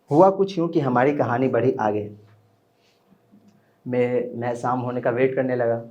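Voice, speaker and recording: A man's voice: mid-range voice, darkish tone, dull audio. A young man telling a personal story at an open mic, chatting with the audience in between. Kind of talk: live storytelling performance. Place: small indoor open mic venue.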